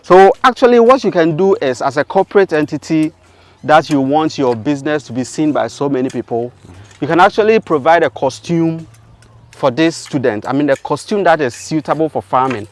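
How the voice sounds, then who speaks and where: A man's voice: on the high side, animated, fairly quick. A man hosting an enthusiastic on-site interview outdoors on a farm. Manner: enthusiastic, keeps saying awesome. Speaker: video host touring a school farm.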